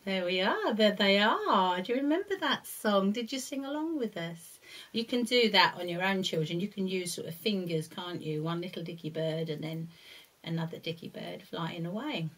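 A middle-aged woman presenting a lesson to young children with a puppet, speaking in simple, singsong, deliberate phrases with questioning tags. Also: fairly low pitch, lively intonation, fairly bright tone. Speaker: early years teacher presenting a puppet lesson. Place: indoors, seated before a brick-patterned backdrop.

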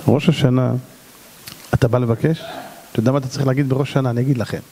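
A man, a rabbi, giving an animated sermon, swinging between loud outbursts and hushed pleading. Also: medium pitch, big-room sound.

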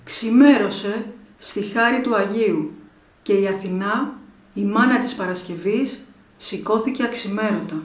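A woman storyteller reading a folk tale aloud in a measured, expressive way, in an echoey room. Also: medium pitch. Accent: Greek.

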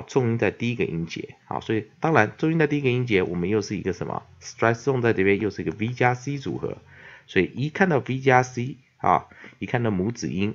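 A man with a Taiwanese Mandarin accent teaching English pronunciation from a dictionary, using many drawn-out "ah" fillers and repeating words slowly. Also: lowish voice, dull audio. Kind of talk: classroom-style vocabulary lesson.

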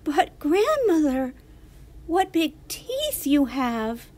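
A woman's voice: high-pitched, huge pitch swings, takes it slowly, pitched above the performer's own voice, exaggerated voice. A woman voicing an innocent, anxious little girl in a storybook, wide-eyed and quivering. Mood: nervous wonder.

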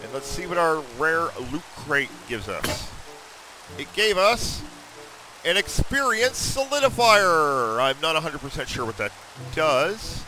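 A man giving excitable let's-play commentary, thinking aloud and talking to his viewers. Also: fairly high pitch, unhurried, over music, poor audio. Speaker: gaming YouTuber.

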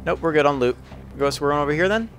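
A man's voice: on the high side, animated, racing, a bit bright. A man hosting a gaming channel, joking playfully through casual let's-play commentary.

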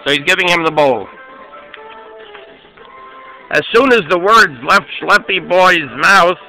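A man reading a children's picture book aloud, pausing to explain each page in a chatty, halting way. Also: high voice, bright, forceful tone, soft background music, poor audio. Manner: chatty, explains as he goes, hesitant restarts. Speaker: storybook reader.

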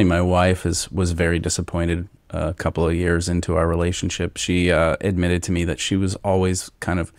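A man's voice: low voice, a little mellow, dry recording. A man from Kentucky hosting a podcast, chatting casually and rambling, with filler words. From Northern Kentucky, US. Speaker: podcast host. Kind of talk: casual chat.

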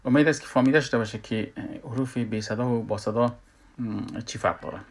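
A man with an Afghan Dari accent teaching Quran recitation rules. He talks haltingly, with many filler sounds, at a mid pitch. He pronounces each letter loudly as he sounds it out. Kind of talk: tajweed lesson.

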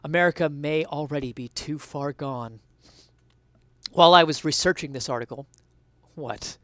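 On a headset mic in a small room at home, a young streamer gives a theatrical, mock-indignant, emphatic reading of an essay. His pitch is a little high and his tone fairly bright, at normal speed in a dry recording.

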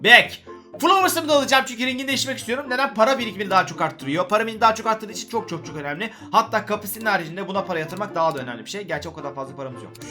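A man hosting a gaming video, giving excitable, joking gameplay commentary straight to his viewers. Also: high voice, rapid-fire, music in the background.

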